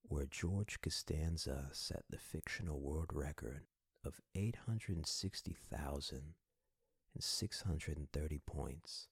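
An extremely low-voiced man narrates a bedtime podcast, soothing and intimate, as if to a friend. His voice is gravelly and very breathy, often sinking toward a whisper, and he takes his time with every phrase. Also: dry recording, clean studio sound. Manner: intimate, addresses listener as a friend. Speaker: host of a bedtime sleep podcast.

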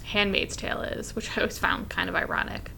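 Bright, gravelly woman chatting animatedly. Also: medium pitch, brisk, a little hiss or hum. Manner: animated, laughs often, acts out her own past remarks. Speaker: podcast co-host, teacher. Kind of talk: casual chat.

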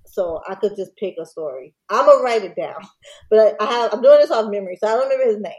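A woman casually retelling a scam story on a podcast, slangy and digressive, pausing to laugh. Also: medium pitch, expressive, a little mellow, rough recording. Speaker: podcast host.

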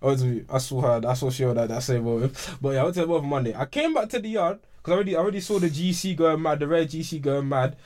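A man's voice: on the high side, fast talker, few pauses, a little mellow. A man with a London roadman accent and heavy street slang, hosting a casual podcast chat. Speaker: podcast host. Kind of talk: casual group banter.

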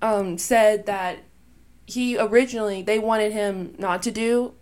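A woman co-hosting a relaxed podcast chat, with a medium-pitched voice. She trips over names, apologizes and laughs as she goes. Her talk is loose and conversational, recorded on a home podcast mic. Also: unhurried. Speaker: podcast co-host. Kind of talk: casual chat.

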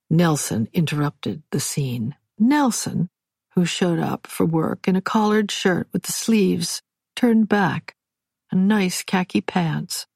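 A woman giving measured, wry first-person audiobook narration. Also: fairly low pitch, gravelly, a little mellow, no room sound, clean studio sound.

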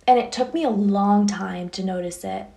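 A woman's voice: mid-range voice, normal speed, mellow. A young woman hosting a podcast, telling a candid personal story in a chatty way full of fillers. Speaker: podcast host.

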